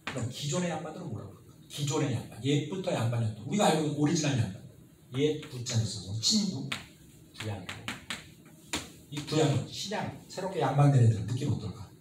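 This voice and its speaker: Male history lecturer, animated, questioning students, very echoey room, mic far off. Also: medium pitch, a little fast. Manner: animated, acts out quoted characters, asks students constant questions. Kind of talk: lively classroom lecture. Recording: very echoey room, mic at a distance, faint noise.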